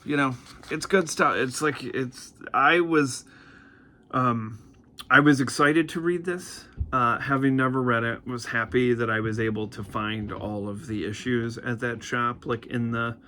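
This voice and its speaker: A man in his forties chats casually about comics, rambling with eager enthusiasm. He leans on "like" and "um" as he goes. His voice sits at an average pitch, and faint background noise is audible. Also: a little slow, sharp tone. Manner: rambling and enthusiastic, full of fillers. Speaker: comic book reviewer host. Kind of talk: casual vlog chat.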